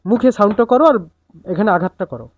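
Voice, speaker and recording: A woman's voice: medium pitch, sing-song, fast, slight background noise. A woman teaching a beginner tabla, coaching and reciting the drum syllables in rhythm. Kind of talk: music lesson instruction.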